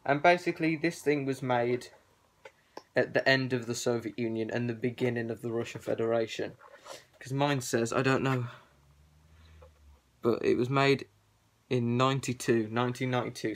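A man's voice: mid-range voice, fairly even intonation, moderate pace. Man talking through a cloth balaclava. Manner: rambling, filler-heavy, offhand. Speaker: collector showing his gas masks. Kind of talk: casual show-and-tell vlog.

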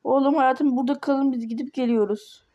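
A woman's voice: high-pitched, fairly even intonation, a little fast, lo-fi sound, lightly acted. Woman as a worried, fussing mother. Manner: fussing, calls everyone darling. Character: worried mother looking for her daughter. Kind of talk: toy game role-play.

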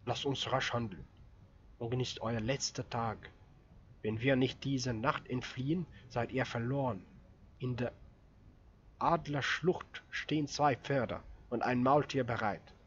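A man voicing a determined young hunter with a hoarse voice who speaks urgently, as he reads a story aloud. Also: medium pitch, steady tone, measured pace, lo-fi sound, lightly acted.

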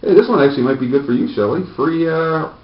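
Speaking quickly with a lively pitch, the host of a homemade comedic news show cracks sardonic jokes while reading the paper. The distant camera microphone in his plain little room leaves the recording muffled and echoey.

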